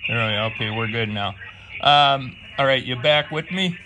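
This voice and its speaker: A man's voice: mid-range voice, normal speed, bright, forceful tone. A man in his fifties making a prank call, feigning confusion and mock indignation. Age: 50s. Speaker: prank caller. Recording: phone call with background noise.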